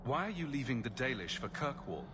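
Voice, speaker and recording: A self-assured adventurer played by a man in a fantasy game, wry and flippant. His mid-pitched voice moves with a lively swing over loud rumbling noise. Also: fairly quick, close to an everyday voice. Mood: curious, probing. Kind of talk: video game character dialogue.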